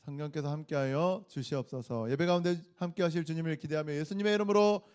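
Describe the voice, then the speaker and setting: A man's voice: on the high side, fast talker, darkish tone, clear, resonant tone. A man leading a children's sermon, playful and coaxing, having the kids repeat lines after him and running a quiz. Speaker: pastor leading a children's message.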